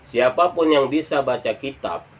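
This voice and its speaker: A man preaching to a congregation, emphatic and didactic as he explains a point. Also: mid-range voice. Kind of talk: lecture to a congregation.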